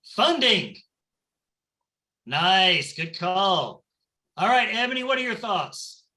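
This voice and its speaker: Bright-voiced Southern man hosting a game show. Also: high-pitched, very animated. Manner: playful, chatty, quick banter.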